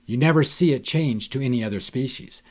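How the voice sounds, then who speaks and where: Older male guest, emphatic and preachy, mid-pitched, fond of rhetorical questions. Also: a little fast, a little mellow. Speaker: guest author. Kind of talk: emphatic podcast discussion.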